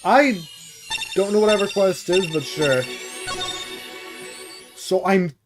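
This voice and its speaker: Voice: mid-range voice, slow pace, over music. A streamer playing a courtroom video game, reading its dialogue aloud and chatting casually between lines. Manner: gives characters put-on voices and laughs at own attempts. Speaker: gaming streamer.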